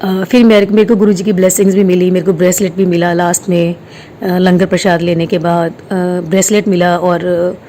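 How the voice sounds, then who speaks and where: Woman, 30s, mellow devotional storyteller, hesitant, faint hiss behind. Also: lowish voice, level tone, brisk. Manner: hesitant, many fillers, mixes in English words. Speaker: devotional storyteller sharing a personal experience. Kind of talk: casual spiritual testimony. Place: quiet room at home.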